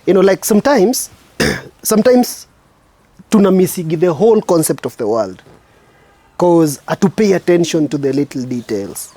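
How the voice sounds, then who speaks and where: A man with a Kenyan accent, a spoken word artist hosting his show, giving a preachy, reflective monologue with slow, emphatic stresses. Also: fairly high pitch, animated, dark tone, dry recording.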